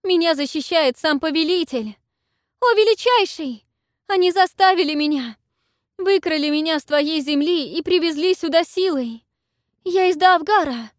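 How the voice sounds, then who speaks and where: A woman's voice: extremely high pitch, moderate pace, no room sound, clean studio sound, pitched above the performer's own voice. A woman voicing a treacherous young woman who shrieks and grovels before her new master. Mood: shrill. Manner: shrieking, wheedling.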